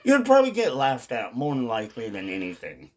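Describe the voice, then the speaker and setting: Pitch swooping wildly around a mid-range voice, a man on a dipping tobacco channel rambles through a casual, unscripted vlog, circling back to repeat and reword himself. He talks fairly quickly in a darkish tone, with a little hiss or hum on the audio.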